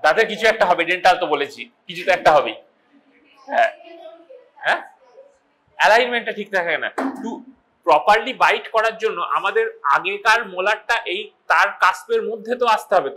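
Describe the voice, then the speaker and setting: A man with a Bengali accent lectures medical students, moving between English and Bengali and calling on the class with quick informal questions. His voice sits high and bright, and his pace is slow and deliberate. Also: rough recording.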